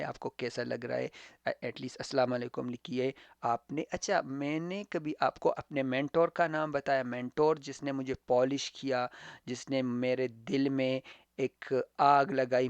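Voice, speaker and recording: A man gives a casual English grammar lesson. He speaks very slowly, with a gravelly, creaky voice, and repeats words over and over. The recording is dry and close, with no room sound. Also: mid-range voice, no echo. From Khyber Pakhtunkhwa, Pakistan. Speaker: English teacher.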